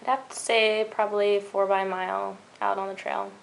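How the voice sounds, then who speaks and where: A woman of 22 with a gravelly, fry-laced voice answers interview questions. She sounds relaxed and modest in a casual chat. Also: mid-range voice, normal speed, a little hiss or hum. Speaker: college cross-country runner.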